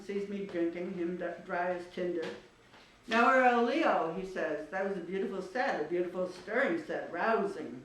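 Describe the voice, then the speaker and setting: A woman's voice: mid-range voice, a little hiss or hum, lightly acted. A woman reading as an aging male jazz musician, boastful, brash and crude, telling his story in swaggering streetwise slang. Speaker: writer reading her own work. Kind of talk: dramatic reading of a first-person monologue. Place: art studio at a live reading. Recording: very echoey room, distant mic.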